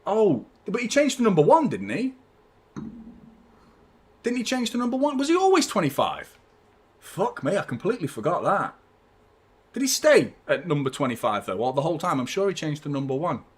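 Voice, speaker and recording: A young man hosting a fan watchalong stream, rambling chattily and giving shout-outs to viewers. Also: sits high, wildly swooping pitch, normal speed, pauses often. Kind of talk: live stream chat with viewers.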